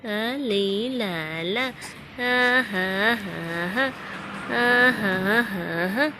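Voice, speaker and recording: A woman's voice: mid-range voice, extremely slow, pushed and bright, slight background noise, full character voice. A young woman coaxing and soothing her baby in a sing-song baby-talk voice. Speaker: mother talking to her baby.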